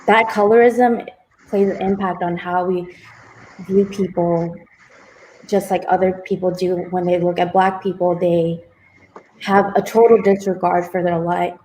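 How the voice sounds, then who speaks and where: A woman's voice: fairly low pitch, a little mellow, poor audio. A young woman speaking earnestly on a panel discussion, with many fillers. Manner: earnest, filler-heavy, emotional. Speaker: panel guest.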